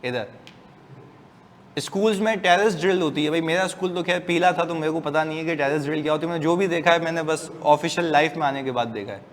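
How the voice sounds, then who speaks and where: Guy teaching accounting, chatty and jokey, higher voice, faint hiss. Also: fast talker. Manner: chatty, joking, lively asides to students. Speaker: accounting lecturer. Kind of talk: casual classroom lecture. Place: classroom. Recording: distant voice in a reverberant room, faint hiss.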